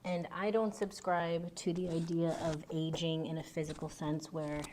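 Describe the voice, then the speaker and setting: A woman in her thirties guiding a relaxed mobility flow, talking softly and breathily with many half-whispered cues. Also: deep voice, normal speed, a little hiss or hum. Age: 30s. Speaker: yoga instructor.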